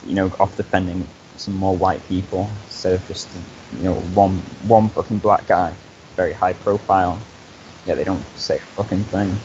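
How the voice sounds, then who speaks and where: A man's voice: sits low, fairly even intonation, moderate pace, darkish tone. A young man on a live stream, talking earnestly and profanely, stammering through restarts. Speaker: co-host. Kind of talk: casual chat on a live stream. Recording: dull lo-fi mic with hiss.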